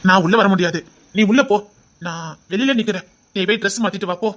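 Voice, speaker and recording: A woman voicing a scheming young rich college man in an audio drama, who talks gently and soothingly to win a girl's trust. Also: medium pitch, fast, lightly acted. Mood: coaxing. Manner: soft, coaxing, falsely reassuring. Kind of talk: Tamil audio drama acting.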